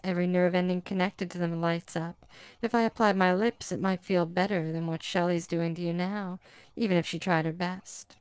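Woman as a succubus, female demon, dominant, playful, teasing, soft-spoken, commanding, smooth. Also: on the low side, no room sound, close to an everyday voice. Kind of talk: erotic audio roleplay.

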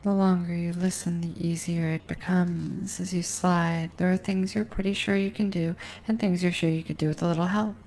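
A woman guiding a hypnosis session, speaking in a slow, repetitive, hypnotic cadence with a sultry, intimate tone aimed at the listener. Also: lowish voice, level tone, a little mellow. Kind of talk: guided hypnosis recording.

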